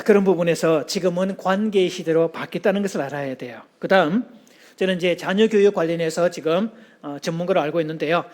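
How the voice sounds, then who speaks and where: A man's voice: high-pitched, darkish tone. A male pastor giving a sermon, asking the congregation questions and leading them in call-and-response.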